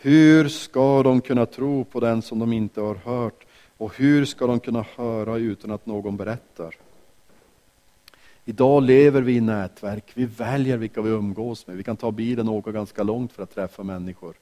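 Male preacher, mid pitch, mellow tone, earnest and emphatic, small restarts. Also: fairly even intonation. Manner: earnest preaching with slow, emphatic repetitions and rhetorical questions. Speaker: pastor. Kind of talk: sermon.

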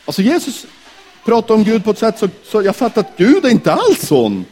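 Man, storytelling to kids, animated, asks questions, high voice, very lively pitch. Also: breathy edge. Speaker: children's talk leader. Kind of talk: storytelling to children in character.

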